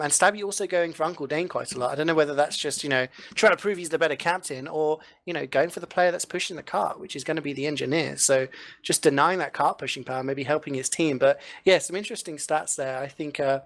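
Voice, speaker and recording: A male co-caster with a slightly high voice breaks down live match stats. He sounds amused and thinks aloud as he works through the numbers. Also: a bit bright. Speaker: esports co-caster.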